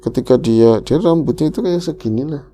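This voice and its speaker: Fairly quick and dark-toned, a male podcast host dramatically narrates a horror story in the first person over slight background noise. He acts out each quote and lets his pitch swing widely.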